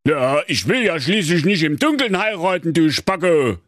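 A man's voice: fairly high pitch, very animated, moderate pace, a bit bright, dry recording, clean studio sound, pitched above the performer's own voice. A man doing a blustering wizard. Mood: whining. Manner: bossy, bellowing, petulant. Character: grumpy blustering evil male wizard.

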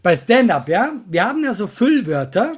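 A man's voice: high-pitched, very animated, moderate pace, husky. A man who does stand-up, co-hosting a casual podcast, chatty and insistent as he explains his view. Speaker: stand-up comedian, podcast co-host.

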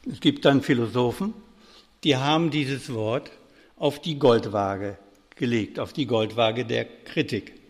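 An older man giving a pastoral sermon lecture, speaking directly to his listeners and moving between raised urgent appeals and quiet, low phrases. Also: unhurried. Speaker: preacher. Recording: long reverb of a hall.

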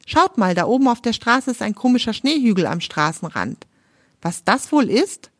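A woman's voice: fairly high pitch, very animated, moderate pace, dry recording, studio quality. A woman voicing a kind, caring young girl in a children's storybook. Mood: curious. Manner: warm, caring.

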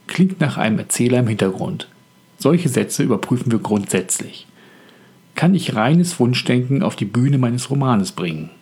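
A man who is an author hosting a scripted podcast on the craft of writing, speaking in a calm, reflective and measured way. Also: medium pitch, husky.

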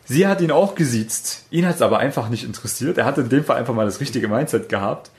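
A man's voice: mid-range voice, lively intonation, fast. A man hosting a podcast as a dating coach, telling stories in a loose, rambling way with fillers and self-corrections. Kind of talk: casual podcast chat.

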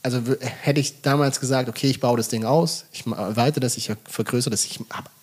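A husky-voiced man from Swabia chats as a podcast guest, telling stories with lively enthusiasm. He swears casually and tosses in English phrases. His delivery is relaxed and conversational. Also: mid-range voice, brisk. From Swabia, Germany. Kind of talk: casual chat.

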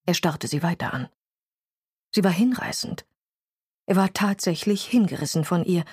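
A woman narrating a novel as an audiobook in a measured, descriptive way. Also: fairly low pitch, darkish tone, husky, no room sound, studio quality. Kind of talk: scripted narration.

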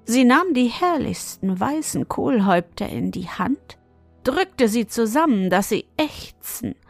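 A woman narrating a fairy tale in a measured, expressive storytelling manner. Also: on the high side, creaky, no echo, soft background music. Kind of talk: fairy-tale audiobook reading.

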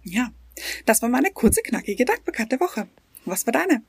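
A woman's voice: fairly high pitch, sing-song, moderate pace, creaky, slightly rough, dry recording. A woman co-hosting a podcast, speaking reflectively and earnestly in casual chat, often repeating words for emphasis. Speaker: podcast co-host.

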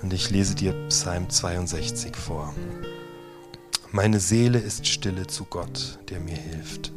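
A pastor gently guiding listeners through a meditation in a theater, speaking softly and sometimes in a whisper. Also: male voice, deep voice. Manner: slow, soft, at times whispered guidance. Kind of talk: guided meditation within a sermon. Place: theater stage. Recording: guitar music playing underneath. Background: soft guitar music.

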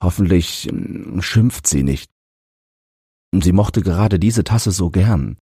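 A man playing a gentle, helpless father. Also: sits low, expressive, slow, slightly rough, no echo, studio quality, pitched above the performer's own voice, heavily acted. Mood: apologetic. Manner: soothing, apologetic.

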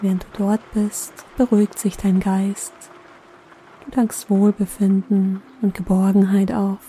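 A woman guiding a sleep meditation in a gentle, soothing, unhurried manner with long pauses. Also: mid-range voice, little pitch movement, slight background noise, low-quality recording. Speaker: meditation guide, host.

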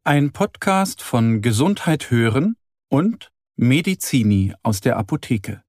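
A man narrating a children's story, telling it slowly and very expressively. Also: medium pitch, very animated, darkish tone, no echo, studio quality, faint music behind.

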